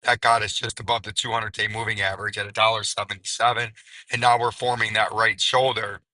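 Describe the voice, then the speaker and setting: Hoarse man with sharp, raspy strain. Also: fairly low pitch, little pitch movement, a little fast, a little hiss or hum, poor audio. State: hoarse, voice nearly gone. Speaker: crypto video host. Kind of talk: market chart commentary.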